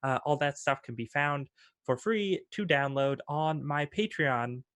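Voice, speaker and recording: A man's voice: on the high side, unhurried, fairly bright tone. A man playing in a tabletop game, talking in a breezy, playful way. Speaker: player. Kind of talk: casual tabletop play.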